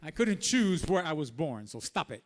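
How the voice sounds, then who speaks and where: High-voiced New pastor preaching. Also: male voice, very animated, a little slow. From New York. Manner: preaching in short phrases, playful asides. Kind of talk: bilingual sermon with live interpreter. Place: church sanctuary. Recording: long hall reverb.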